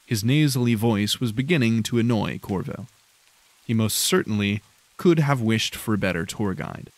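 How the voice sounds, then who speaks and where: A man narrating a dark fantasy audiobook in a measured, grave storytelling manner. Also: fairly low pitch, lively intonation, no room sound.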